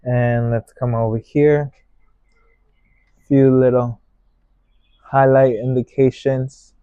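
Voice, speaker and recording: Male painting teacher, gentle and slow-paced, thinking out loud in short phrases; dry, slightly muffled recording. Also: mid-range voice, steady tone, clean tone, no echo. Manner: gentle, unhurried painting instructor, musing aloud in short phrases. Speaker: painting instructor. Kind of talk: unscripted painting tutorial narration.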